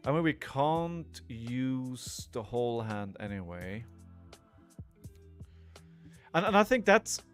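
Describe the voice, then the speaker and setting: Faint music plays behind this man's smooth, mid-range voice, which swings widely in pitch as he speaks without hurrying. He's in his forties, chatting with viewers during a card game stream, musing aloud in a rambling way and often asking "right?".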